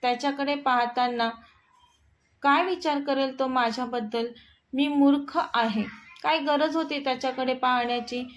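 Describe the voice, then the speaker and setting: Woman narrator voicing a young pregnant wife: high, flustered, quick to snap back. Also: steady tone, lightly acted. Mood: self-scolding.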